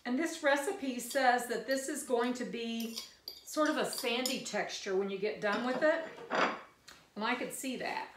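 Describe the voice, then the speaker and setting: An older woman talks through a recipe in a relaxed, folksy ramble, her voice sitting a little high. She is recorded from a few feet away in an echoey home kitchen, with a faint hiss underneath. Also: distant mic. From Missouri Ozarks. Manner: chatty, rambling, folksy asides. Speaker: cooking video host. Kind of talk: casual cooking demonstration.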